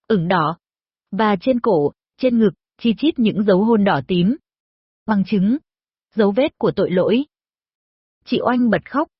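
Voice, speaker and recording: A woman tells a scripted audio story in a husky, slightly breathy voice. Her delivery is dramatic and emotive and her pitch sits in the middle. The recording is dry and dull, with a lo-fi sound. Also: dry recording. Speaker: narrator.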